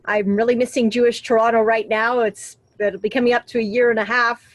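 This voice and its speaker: A woman's voice: on the high side, flat delivery, a little fast, no echo. Chatty woman on a dry call. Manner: chatty, with many "uh" fillers. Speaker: caller joining discussion. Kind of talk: casual chat on a video call.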